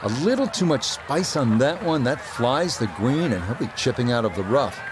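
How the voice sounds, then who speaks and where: A man giving golf commentary as lead play-by-play announcer, calling shots in short, measured phrases. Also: mid-range voice, big pitch swings, noisy background. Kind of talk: sports commentary for a golf video game.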